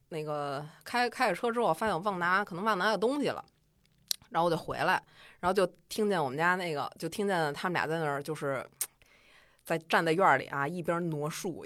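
A woman's voice: deep voice, a little fast. Chatty woman with a Beijing accent. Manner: chatty, colloquial, animated retelling. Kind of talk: casual personal storytelling.

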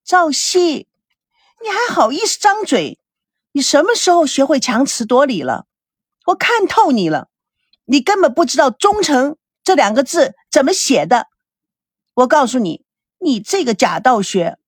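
A woman's voice: high voice, lively intonation, normal speed, dry recording, studio quality, pitched above the performer's own voice. A woman voicing a furious, jealous young wife who scolds shrilly.

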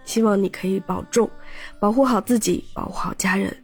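A woman's voice: mid-range voice, fairly quick, breathy edge, soft background music. A woman podcast host chatting casually and caringly to listeners, her voice slightly cracked and shaky from a throat still recovering. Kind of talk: casual personal chat to listeners.

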